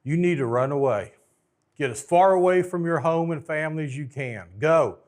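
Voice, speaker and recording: A man's voice: a little high, normal speed, darkish tone, close to an everyday voice. A man doing a sly villain lion. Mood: accusing. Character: scheming villainous male lion.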